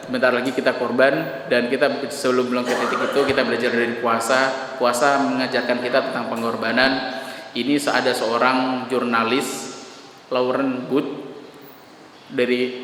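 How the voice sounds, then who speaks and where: A male preacher giving a conversational sermon, telling stories lively with casual slang asides. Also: mid-range voice, a little hiss or hum. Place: mosque hall. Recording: echoey mosque hall with faint ambience.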